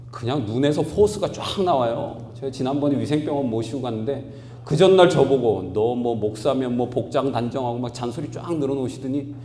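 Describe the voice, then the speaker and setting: A man's voice: mid-range voice, mellow. A man in his forties, a pastor, preaching a sermon in a storytelling manner that builds to emphatic, raised passages. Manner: storytelling with rising emphatic outbursts. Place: large church hall. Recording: echoey hall, faint hum.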